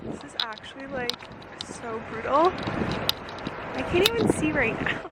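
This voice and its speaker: Excitable young woman in an echoey kitchen. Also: sits high, unhurried, very noisy. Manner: excitable, squeals and swears often. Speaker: vlogger. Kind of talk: casual cooking vlog. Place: home kitchen.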